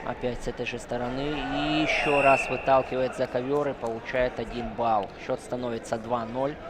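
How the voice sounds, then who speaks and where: Male co-commentator, mid-pitched, brief live match calls, clear crowd noise in the hall. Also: fairly even intonation, moderate pace. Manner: short play-by-play remarks and agreement. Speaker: wrestling co-commentator. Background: crowd and arena noise.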